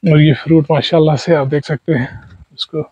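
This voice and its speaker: A man's voice: on the high side, fairly even intonation, normal speed, a little mellow, breathy edge, no echo, highs cut off. A man in his thirties, a travel vlogger, narrating outdoors on a farm into a lapel mic, with devout greetings and pious phrases. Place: outdoors on a dragon fruit farm. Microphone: lapel mic, selfie stick camera.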